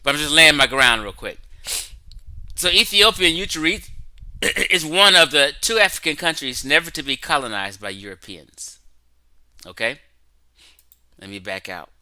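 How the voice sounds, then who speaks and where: A man hosting a casual livestream, lecturing in an emphatic way and constantly checking in with his listeners. His voice is pitched a bit high, very bright and crisp. It is recorded dry and close, with no room sound. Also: lively intonation, moderate pace, pauses often, dry recording, rough recording. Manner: emphatic, lecturing, frequent "okay?" and "right?"; reads text aloud from screen. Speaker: online talk show host.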